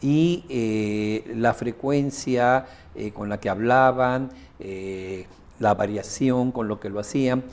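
A man's voice: mid-range voice, slow pace, a little mellow. Man teaching with frequent hesitations. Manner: explanatory, many hesitation fillers, guiding listener through imagined scene. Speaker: coaching instructor. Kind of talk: spoken lesson.

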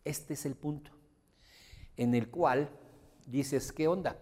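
In a reverberant hall, a man gives a motivational seminar before an audience in a large room. His mid-range voice takes things slowly as he tells stories animatedly, acting out the voices of the people in them.

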